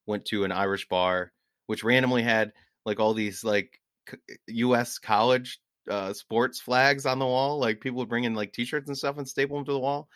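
A man's voice: mid-range voice, fairly even intonation, moderate pace, fairly bright tone, no echo, clean studio sound. A man co-hosting a podcast, telling rambling travel stories in casual chat and laughing at his own anecdotes. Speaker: podcast co-host.

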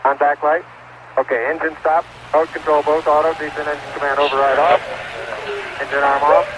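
A man's voice: on the high side, flat delivery, fairly quick, noisy background. A man speaking as an astronaut over a distant space radio transmission with beeps, in terse, clipped callouts.

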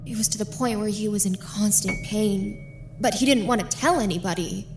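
A woman acting an anxious but loyal character in an audio drama. She speaks naturally at a middle pitch, with music clearly behind her. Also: normal speed, close to an everyday voice. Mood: worried, confiding.

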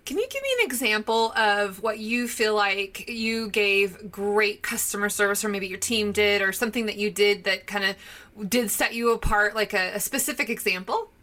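A woman's voice: mid-range voice, moderate pace, sharp tone. A woman hosting an interview, chatty and upbeat, asking long rambling questions. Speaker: interviewer, host.

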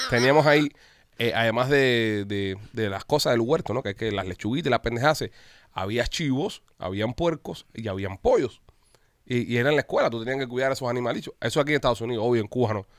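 A man talks quickly, with a mid-range voice. He tells stories in an animated, profane way, hosting a casual podcast chat. The sound is dry and close. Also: mid-range voice, no room sound. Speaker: podcast host.

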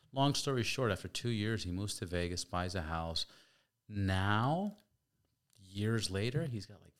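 A man hosting a podcast, telling long rambling anecdotes in a casual, animated and profane way. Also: low voice. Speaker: podcast host. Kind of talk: casual storytelling chat.

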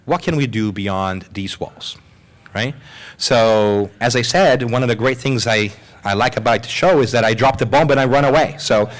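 Hosting a live panel show in a symposium hall before an audience, a man trades light jokes and pokes fun at himself. He sounds jokey, lively and upbeat, with a mid-range, slightly hoarse voice at a moderate pace.

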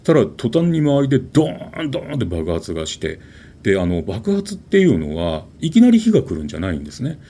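A man telling a ghost story in an animated, dramatic way, with vivid sound words. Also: mid-range voice, fast talker, breathy edge.

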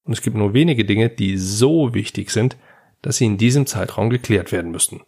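This German podcast host's voice is on the low side, dark and a little breathy, animated but at normal speed. He speaks straight to the listener in a scripted, anecdotal advice monologue.

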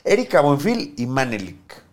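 A woman's voice: extremely low pitch, big pitch swings, normal speed, a little mellow. A woman with a Mexican accent co-hosting a podcast, chatty and giggly, using lots of slang. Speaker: podcast co-host. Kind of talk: casual chat.

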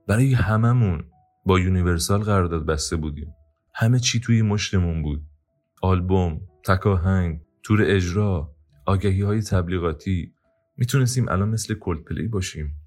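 A man's voice: deep voice, darkish tone, pitched above the performer's own voice. A man voicing a resentful male ex-drummer who talks in an angry, sarcastic, complaining way. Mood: bitter. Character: bitter resentful male ex-drummer, middle-aged.

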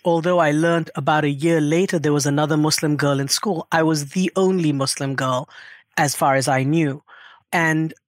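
A woman's voice: sits low, dry recording, clean studio sound. A middle-aged woman in earnest, reflective conversation, with frequent asides. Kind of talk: conversational interview.

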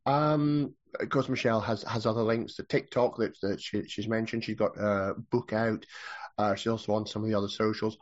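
A man's voice: lowish voice, steady tone, moderate pace, lo-fi sound. A man hosting a podcast interview, friendly and a little hesitant, often repeating words. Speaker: podcast host.

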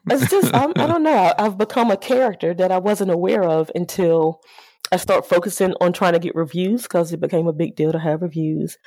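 A woman's voice: lowish voice, a little fast, warm tone, no echo, low-quality recording. A woman with a Southern American accent chatting casually, with a sassy, candid and playful manner. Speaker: auto repair shop owner, podcast guest. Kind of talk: casual chat.

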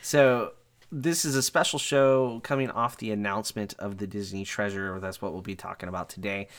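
A man's voice: fairly low pitch, steady tone, normal speed. A man hosting a podcast, chatting casually and teasing his co-host. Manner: teasing, joking. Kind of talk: casual chat.

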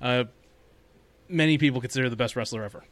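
Mid-pitched man rambling through podcast news. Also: fast talker, fairly bright tone. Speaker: podcast host. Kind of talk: casual chat about wrestling news.

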